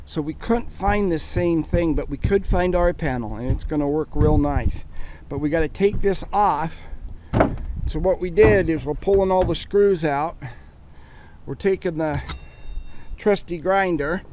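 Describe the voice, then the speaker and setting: Man with a high, unhurried voice, folksy vlog host walking through an outdoor repair job, noisy background. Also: a little mellow. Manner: folksy, down-to-earth, explains as he works. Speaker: home repair vlogger. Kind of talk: casual on-site vlog narration. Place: outdoors at a house. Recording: outdoor noise behind the voice.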